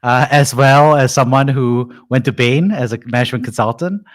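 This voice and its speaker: A man's voice: mid-range voice, moderate pace. A man hosting a podcast, upbeat and enthusiastic, with frequent "uh" fillers as he asks his questions. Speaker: podcast host. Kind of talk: casual interview hosting.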